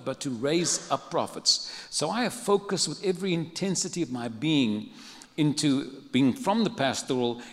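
A man's voice: mid-range voice, long reverb tail. An older man from Africa, preaching a sermon in a humorous, conversational way. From South Africa. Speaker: pastor.

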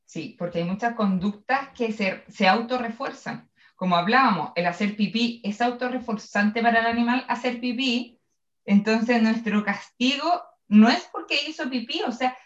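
A woman's voice: fairly high pitch, normal speed. Chilean woman dog trainer in an echoey room. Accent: Chilean Spanish. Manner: explains with acted-out examples and quoted scolding. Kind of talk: explanatory podcast talk. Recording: echoey room, dull sound.

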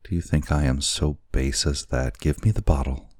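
A man's voice: steady tone, moderate pace, a little mellow, no echo, clean studio sound. A man reading an audiobook, voicing a frightened, desperate young wife in a trembling, raised voice. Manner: pleading, trembling, raised pitch.

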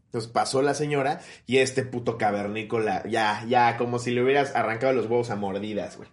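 A man's voice: medium pitch, a little fast. A young adult man with a Mexican accent, hosting a podcast and telling a story in casual, profane chat. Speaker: podcast host.

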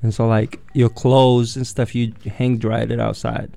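A man from Yemen hosting a radio show, chatting in a relaxed way and telling stories. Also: medium pitch, a little slow, gravelly. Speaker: radio host. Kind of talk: casual radio chat. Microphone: studio microphone.

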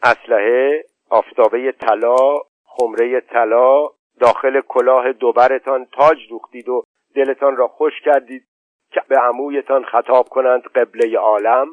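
A man's voice: mid-range voice, steady tone, dry recording, phone-quality sound, lightly acted. A man voicing a proud, angry man who scolds and mocks a younger guest in a storybook reading. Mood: scolding. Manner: stern, scolding and sarcastic.

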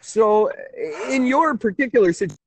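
A man's voice: very high voice, lively intonation, normal speed, no room sound. A man in his late thirties hosting a casual call-in talk show, rambling and correcting himself as he goes. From Canada. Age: 30s. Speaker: host.

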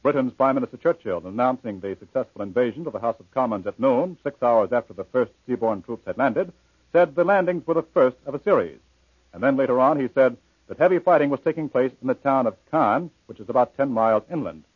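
An American newsman delivers a measured 1940s radio report. His medium-pitched voice is rough-edged and husky, heard through a narrow, tinny old broadcast. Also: lively intonation, no echo. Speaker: radio news editor reading a report.

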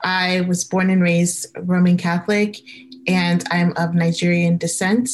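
A woman's voice: lowish voice, flat delivery, measured pace. A young woman from Maryland, a podcast guest who talks about her life in a reflective, thoughtful way. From Maryland, United States. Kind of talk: casual interview.

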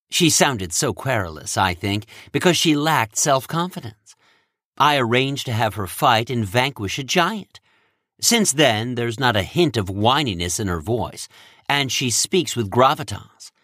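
A man's voice: medium pitch, expressive, measured pace, a bit bright, no echo, studio quality. A man voicing an earnest female weaver of fates who speaks politely and plainly to her lord.

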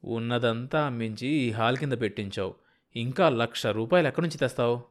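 A man voicing a meek, doubtful middle-aged husband who grumbles softly. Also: medium pitch, fairly quick, close to an everyday voice. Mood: grumbling. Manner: soft, grumbling, hesitant.

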